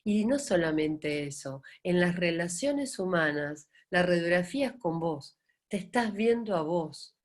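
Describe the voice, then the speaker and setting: A woman's voice: lowish voice, lively intonation, unhurried. A middle-aged Argentine woman teaching in a live-streamed talk, asking rhetorical questions and acting out quoted voices. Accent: Argentine Spanish. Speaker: Enneagram teacher.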